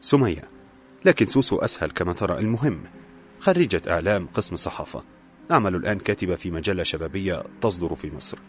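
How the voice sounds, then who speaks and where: A chatty, curious young woman from an audiobook , read by a man. The voice sits very low and is his everyday tone, with a soft music bed behind. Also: expressive, fast. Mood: lively. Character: lively young woman, a magazine writer.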